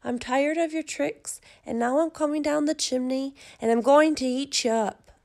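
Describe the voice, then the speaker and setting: Storybook big bad wolf, angry and hungry, yelling threats with a gravelly edge; a woman puts him on. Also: a little high, fairly even intonation, moderate pace. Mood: furious. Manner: shouting threats.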